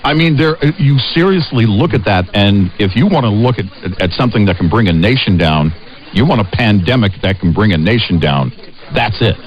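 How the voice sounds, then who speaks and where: Heard through dull, band-limited radio audio, an American man co-hosting a conversational political talk show speaks animatedly in a voice on the low side. He is emphatic, with halting restarts and short phrases said over and over.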